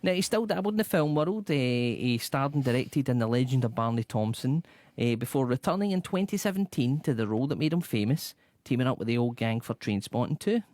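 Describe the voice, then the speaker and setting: A man works through a scripted rundown and drops in dry remarks. His voice is mid-pitched. The recording is close and dry. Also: lively intonation, brisk, darkish tone, dry recording. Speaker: presenter.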